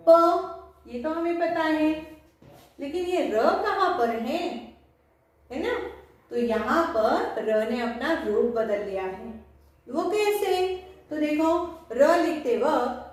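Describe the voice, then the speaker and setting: Slow high-voiced woman teaching in an echoey room. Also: recorded from a distance. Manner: slow, patient, spells out sounds syllable by syllable. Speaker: school teacher. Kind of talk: online Hindi spelling lesson.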